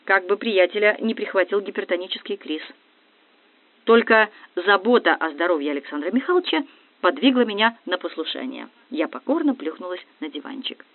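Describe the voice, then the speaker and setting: An audiobook reader narrating a comic novel in first person with brisk irony. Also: mid-range voice, expressive, dry recording. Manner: brisk ironic storytelling. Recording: dry, tinny phone-like audio.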